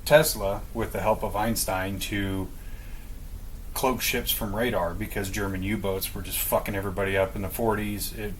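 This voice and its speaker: A man's voice: lowish voice, fairly even intonation, moderate pace, slight background noise, poor audio. A man co-hosting a podcast, casually explaining a story with some swearing and speculation. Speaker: podcast co-host. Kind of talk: casual conversation.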